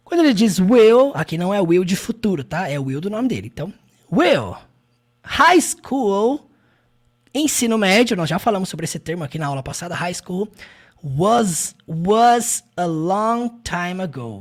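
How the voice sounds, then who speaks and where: Lively Brazilian teacher, animated pitch. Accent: Brazilian Portuguese. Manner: animated, repeats phrases slowly, many tag questions. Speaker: English teacher. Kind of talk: language lesson explaining film clips.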